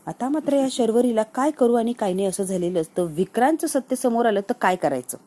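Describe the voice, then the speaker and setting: A woman retelling a TV serial episode in a lively, dramatic storytelling recap. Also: on the high side, brisk.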